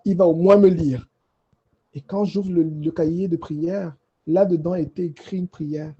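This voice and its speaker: A man on a panel telling his personal faith testimony in an emotional, halting way, often repeating phrases. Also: high-pitched, dark tone, slightly rough.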